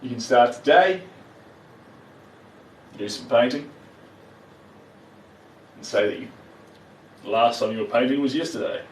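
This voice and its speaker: A man's voice: medium pitch, measured pace, pauses often. Man with a broad Kiwi accent, roomy sound. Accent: broad New Zealand. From New Zealand. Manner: encouraging, reassuring. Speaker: livestream host. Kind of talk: casual livestream chat while working, replying to viewers. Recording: roomy, distant mic with faint noise.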